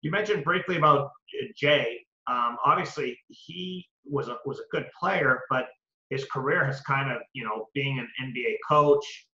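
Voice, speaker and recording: A man interviewing a guest in a casual sports conversation, asking quick, conversational questions. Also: mid-range voice, sharp tone. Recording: echoey, dull lo-fi audio.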